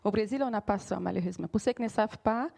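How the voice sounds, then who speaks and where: A woman's voice: mid-range voice, quick pace, gravelly, mellow. A woman from Brazil with a Brazilian accent, preaching a sermon in a church and often checking that her congregation follows her. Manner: engaging, quizzes the congregation, repeats key words.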